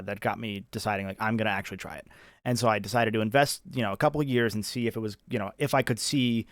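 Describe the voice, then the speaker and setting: Low-voiced man chatting on a livestream. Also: no room sound, studio quality. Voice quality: practised character speaking voice. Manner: deliberate, halting, self-correcting. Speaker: video creator hosting an anniversary livestream. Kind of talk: casual livestream chat.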